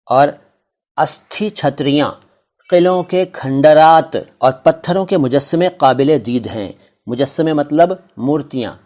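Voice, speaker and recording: A man's voice: medium pitch, a little mellow. Man glossing a chapter word by word. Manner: reads a line, then glosses each word with synonyms; conversational, asks and answers his own questions. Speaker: teacher. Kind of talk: explaining a textbook chapter.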